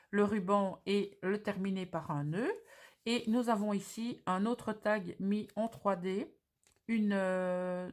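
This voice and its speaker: A woman with a Belgian French accent who hosts a crafting channel and presents craft pieces in a slow, descriptive way with frequent fillers. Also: medium pitch. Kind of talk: presenting craft mail on camera.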